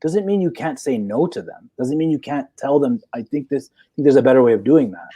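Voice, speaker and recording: A man's voice: mid-range voice, expressive, a little fast, dark tone, breathy edge. A man in his forties, a psychologist in a live chat, talking assertively and checking in with "okay?" as he explains. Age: 40s. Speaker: guest psychologist.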